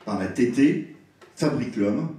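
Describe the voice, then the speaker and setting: A man's voice: mid-range voice, expressive, unhurried, mellow. A man giving a public lecture on word origins, speaking expressively and savouring each word. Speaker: guest lecturer. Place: large hall at an evening event. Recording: echoey hall, voice from a distance.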